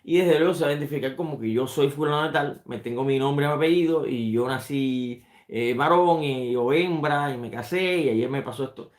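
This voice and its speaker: Leading a study class, this rabbi teaches without a script and keeps pausing, repeating words as he hunts for what comes next. He has a mid-range voice, and the sound is roomy.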